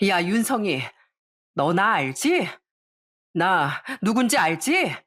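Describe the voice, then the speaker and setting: A woman's voice: mid-range voice, big pitch swings, takes it slowly, a bit bright, exaggerated voice. A woman doing a furious, accusing shop employee. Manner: stern, accusing, biting.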